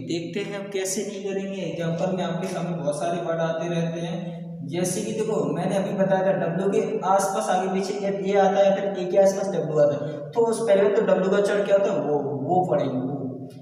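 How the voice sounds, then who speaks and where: A man with a high voice teaches a classroom lesson, drilling his students with repeated questions and calling them children. He stands well away from the microphone in a hard, echoing room with a long reverb tail. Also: mellow. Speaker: English teacher. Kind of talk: classroom lesson on silent letters. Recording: echoey classroom from far off.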